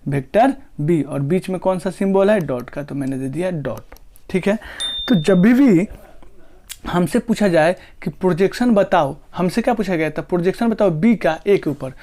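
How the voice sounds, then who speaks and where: A man's voice: sits high, animated, mellow. Man teaching, quizzing his class. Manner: asks students rhetorical questions and answers them himself; drawn-out slow dictation of terms. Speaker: physics teacher. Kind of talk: classroom lecture.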